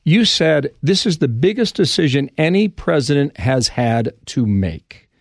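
Gravelly-voiced male podcast host. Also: on the high side, expressive, measured pace, no room sound, clean studio sound. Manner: conversational, asks checking questions. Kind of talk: podcast interview.

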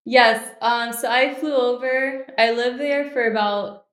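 A little slow and fairly even in intonation, she speaks with a high-leaning, fairly bright voice in a roomy space. She is a twenty-something from Miami, a law student engaged to be married, appearing as a positive, articulate guest on a casual interview podcast.

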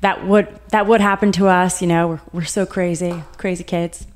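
A young woman chatting casually as a podcast guest, telling a story with quick laughs and acted-out quotes. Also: on the low side. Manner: animated storyteller, laughs often, acts out quotes. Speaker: guest, recent bride.

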